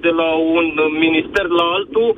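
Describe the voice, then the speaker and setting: A man calling into a radio show from his car on hands-free, hesitant and full of fillers. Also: fairly high pitch. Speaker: caller. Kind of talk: call-in political opinion. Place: driving in a car in city traffic. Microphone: hands-free phone. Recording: tinny phone line with car noise.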